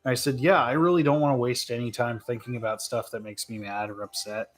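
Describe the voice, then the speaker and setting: A man chatting casually on a live stream, answering questions as they come in. He talks in a loose, reflective ramble, circling back on his thoughts and laughing lightly. His voice sits at a typical middle pitch for a man. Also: fairly even intonation, fast.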